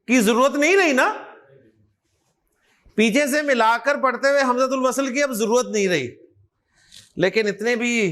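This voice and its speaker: A Quran grammar teacher with an Urdu accent lectures a classroom, quizzing students in a call-and-response style and coaxing answers out of them. His voice is high-pitched with a fairly bright tone.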